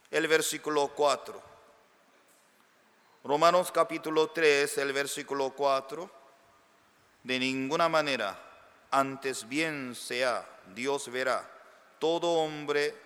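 A man preaching as a pastor, slow and emphatic with sudden loud rises. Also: mid-range voice, clear, resonant tone, long reverb tail. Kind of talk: sermon.

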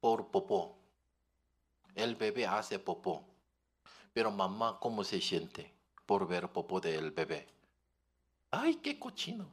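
A man preaching a sermon, often asking the congregation questions and telling lively everyday stories. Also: deep voice, slow, pauses often. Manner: questioning the audience, animated storytelling.

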